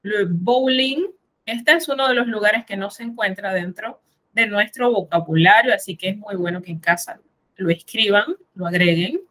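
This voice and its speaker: A woman teaching a French vocabulary lesson, who says each French word slowly, then translates it and patiently explains the spelling. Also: mid-range voice, sharp tone, poor audio.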